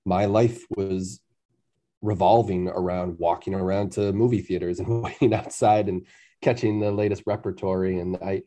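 A man's voice: sits low, steady tone, moderate pace, warm tone. A man from Massachusetts, an author being interviewed over the phone, speaking thoughtfully and laughing easily. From Massachusetts, USA. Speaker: author guest. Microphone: phone line.

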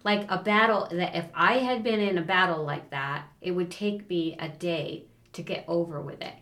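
Middle-aged lady cohost telling stories, does little voices for people, kinda low voice, roomy echo. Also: normal speed. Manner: animated storyteller, acts out voices in anecdotes. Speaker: podcast co-host. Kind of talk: casual chat.

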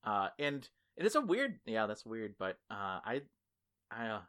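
A man's voice: on the low side, huge pitch swings, a little slow, fairly bright tone, clean tone. Stammering giggly male podcast host. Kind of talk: casual chat.

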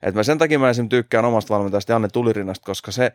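A man, a fighter, co-hosting a casual podcast, opinionated and relaxed, dropping in English phrases. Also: lowish voice, dry recording, clean studio sound. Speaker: podcast co-host and MMA fighter.

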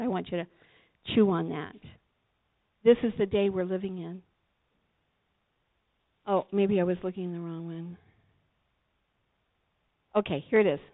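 A woman preaching a sermon, retelling a Bible story in an animated way, acting out quotes and talking directly to her listeners. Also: lowish voice. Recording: tinny phone-like audio.

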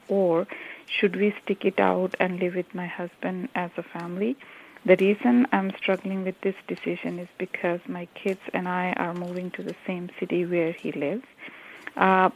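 A woman's voice: lowish voice, vocal fry, a little hiss or hum. A middle-aged woman caller asking a question, polite and hesitant with fillers. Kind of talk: recorded call-in question. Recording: dull lo-fi recording.

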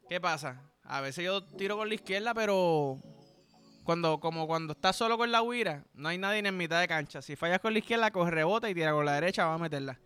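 A high-voiced man with a Puerto Rican accent tells crude comic stories as a podcast host. His voice is bright and forceful, he rambles and swears freely and slips into the voices of the people in his stories, with faint music behind him. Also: brisk. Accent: Puerto Rican Spanish. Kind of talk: crude comedic storytelling monologue.

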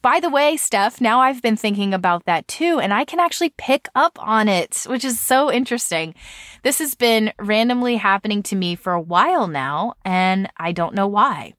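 A woman's voice: on the low side, a bit bright, dry recording, clean studio sound. A woman co-hosting a podcast, giving casual advice in a reassuring, emphatic way and repeating key phrases. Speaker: podcast co-host reading listener questions and giving advice.

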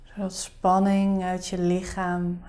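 A woman leading a guided meditation in a soft, breathy, soothing half-whisper. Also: lowish voice, completely flat delivery, slow pace.

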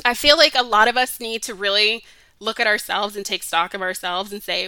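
Young female podcast host: earnest, emotional solo talk, smooth resonant voice. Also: mid-range voice, bright, forceful tone, dry recording. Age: young adult. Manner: earnest and heartfelt, with frequent "like" fillers. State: emotional, voice close to cracking.

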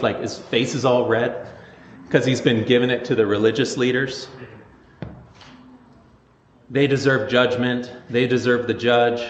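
A man preaching a sermon as pastor, conversational and animated in his storytelling. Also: mid-range voice, roomy sound, long reverb tail, a little hiss or hum.

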